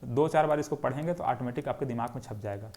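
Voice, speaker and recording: A young man gives a classroom-style geography lecture, drawing on a board while he asks questions and answers them himself in a repetitive drilling pattern. His voice is medium-pitched and darkish, and he talks fast.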